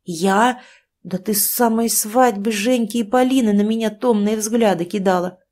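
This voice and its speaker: A woman's voice: mid-range voice, moderate pace, darkish tone, close to an everyday voice. A woman reading an audiobook, voicing an exasperated man caught cheating. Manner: exasperated, sometimes hissing. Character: cheating husband, frustrated and flustered man.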